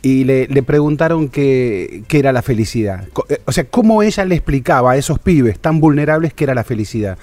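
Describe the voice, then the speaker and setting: A man asking reflective interview questions, measured and hesitant with many fillers. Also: mid-range voice, lively intonation, darkish tone, dry recording.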